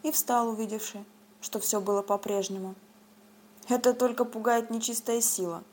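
A woman reading a literary tale aloud with lively storytelling that shifts tone with the scenes. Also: on the high side, moderate pace, slight background noise.

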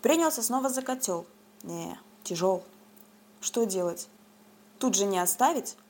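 A woman reading a literary tale aloud with lively storytelling that shifts tone with the scenes. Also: medium pitch, unhurried.

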